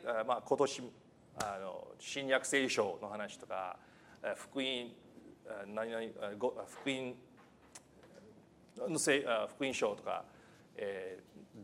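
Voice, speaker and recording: Preaching in church, this non-native Japanese-speaking man stumbles along cheerfully, leaning on fillers and poking fun at himself. His pitch is medium and his tone fairly bright.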